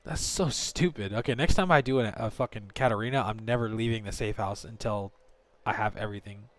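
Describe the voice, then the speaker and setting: A man's voice: lowish voice, brisk. A man streaming a game, talking to viewers in live commentary and swearing often as he rants.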